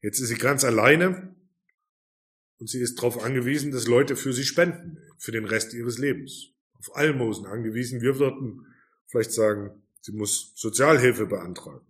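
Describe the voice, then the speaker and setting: A man's voice: mid-range voice, moderate pace, fairly bright tone. A man preaching a sermon, earnest and emphatic, with rhetorical questions. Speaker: pastor.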